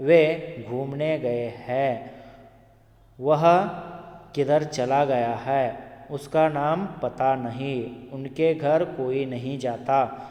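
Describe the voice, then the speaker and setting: A man teaching Hindi grammar, explaining slowly and listing example words one at a time. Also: mid-range voice, darkish tone. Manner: slow, deliberate, repeats lists of example words one by one. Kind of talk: classroom explanation with spoken examples. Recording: echoey room with long reverb.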